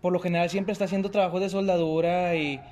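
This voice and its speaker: A young man with a Mexican Spanish accent, telling a story in casual, slangy talk and acting out the shouts and quotes. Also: high voice, flat delivery, quick pace.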